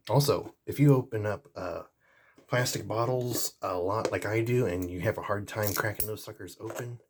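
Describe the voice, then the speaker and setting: A man's voice: lowish voice, a little hiss or hum. A man reviewing pocket pliers in a casual, rambling vlog. He is easygoing, with many fillers and restarts. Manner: jokey sign-off.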